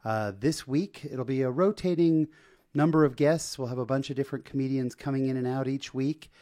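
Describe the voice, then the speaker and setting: A man's voice: mid-range voice, brisk, mellow. Enthusiastic man hosting a podcast. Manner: enthusiastic, chatty with fillers. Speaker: podcast host. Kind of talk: podcast interview. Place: podcast studio.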